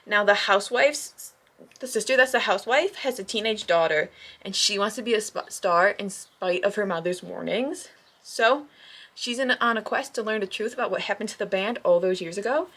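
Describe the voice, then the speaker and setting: A woman vlogging at home about books, chatting casually in an excitable, gushing way with lots of fillers. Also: mid-range voice, moderate pace. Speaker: book vlogger. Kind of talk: casual chat.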